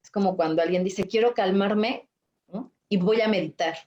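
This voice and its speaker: A woman's voice: medium pitch, normal speed, dark tone, dull audio. A woman life coach hosting a reflective spiritual conversation, explaining patiently and acting out quoted thoughts with a rising voice.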